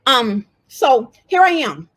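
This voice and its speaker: A woman with a Southern US accent giving a lively, conversational motivational talk as a DEI speaker and author. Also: high-pitched, slow, husky.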